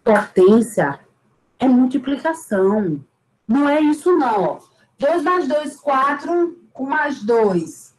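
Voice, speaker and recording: A woman's voice: high-pitched, animated, slow pace, roomy sound, low-quality recording. A woman teaching a math lesson to students, patiently repeating each key point and stressing it. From Brazil.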